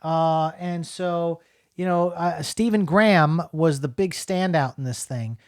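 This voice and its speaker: A man's voice: on the high side, unhurried, smooth, no room sound, studio quality. A middle-aged man from New Jersey giving a casual, rambling spoken film review, full of fillers and restarts.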